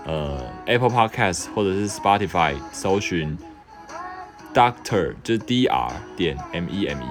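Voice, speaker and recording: A young man with a Taiwanese Mandarin accent and a fairly low voice, chatting casually on a livestream. He reads viewer questions aloud and answers them offhandedly, with a joke here and there. Soft music plays faintly in the background. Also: expressive, unhurried.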